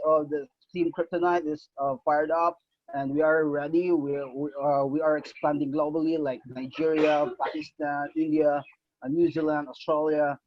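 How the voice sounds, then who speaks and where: A man's voice: on the high side, dry recording. Hesitant man on dull call audio. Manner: hesitant, many fillers and restarts. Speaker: team leader on a call. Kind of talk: halting guest remarks.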